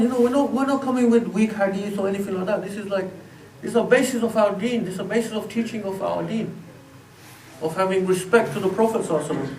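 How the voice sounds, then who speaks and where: In a mosque prayer hall, a man who teaches Islam gives a religious lecture in a conversational style, often saying "you know." His voice is high-pitched and a little mellow, recorded by a distant mic in the echoey hall.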